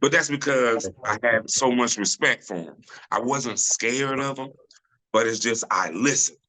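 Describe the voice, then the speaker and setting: In a video call interview, a middle-aged comedian with a deep voice chats casually and loosely as a guest. He talks a little slowly, a relaxed storyteller whose speech is full of restarts and "you know."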